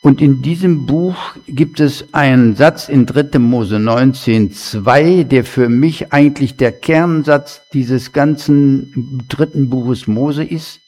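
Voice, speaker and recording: A man delivers a sermon at an unhurried, deliberate pace. His voice sits at a middle pitch and carries a long reverb from the room. He talks to his listeners in a conversational way, with small asides. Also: dark tone. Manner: slow, conversational preaching with asides. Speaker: preacher.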